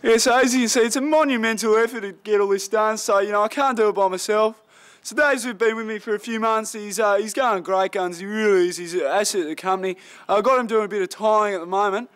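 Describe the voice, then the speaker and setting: An actor with an Australian accent playing a boastful, bumbling builder in a mockumentary, rambling and swearing in a blokey way. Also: male voice, high voice, fast talker, fairly bright tone, clear, resonant tone. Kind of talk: mockumentary comedy.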